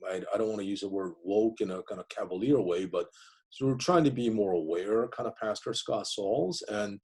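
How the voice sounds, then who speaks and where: A middle-aged man, a divinity school professor whose first language is Korean, answers interview questions reflectively with many fillers and restarts. His voice is lowish and a little mellow with a breathy edge, at normal speed.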